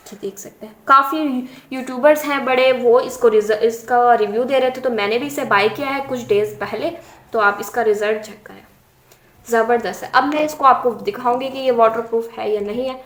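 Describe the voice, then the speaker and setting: A woman's voice: fairly high pitch, moderate pace. A woman with a Pakistani Urdu accent hosting a casual beauty tutorial, giving chatty step-by-step instructions and often repeating phrases. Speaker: makeup tutorial host. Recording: roomy echo.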